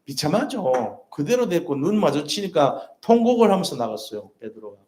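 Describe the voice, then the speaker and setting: A man's voice: fairly high pitch, very animated, normal speed, darkish tone. A male pastor preaching a sermon in a church, earnest and repeating his key points with rhetorical questions. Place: church sanctuary. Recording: roomy church echo.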